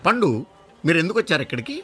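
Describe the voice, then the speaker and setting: An actor playing a gruff, suspicious police constable who questions two men. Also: male voice, sits high, big pitch swings, racing, sharp tone, soft background music, exaggerated voice. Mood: interrogating. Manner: gruff interrogating. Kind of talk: Telugu film comedy acting.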